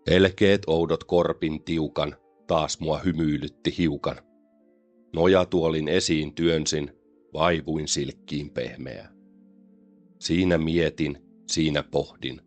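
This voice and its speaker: A man with an extremely deep, low voice reads a gothic poem aloud. His delivery is slow, solemn and measured, with faint music behind him. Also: steady tone. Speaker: poetry reader. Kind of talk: dramatic poetry recitation.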